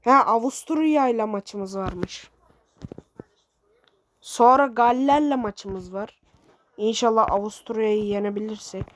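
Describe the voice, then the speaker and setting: Excitable woman, football game commentary, slow drawn-out talk, higher voice, loud background noise. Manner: excitable, swears at her players, shouts at goals. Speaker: gaming streamer.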